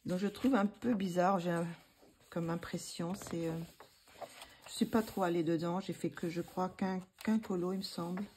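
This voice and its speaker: A woman chats casually as a coloring book vlogger, often pausing, restarting and filling gaps with little hesitations. Her voice sits a little low and sounds mellow and relaxed. A faint hiss of noise runs under the recording. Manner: hesitant, many fillers and restarts. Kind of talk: casual chat.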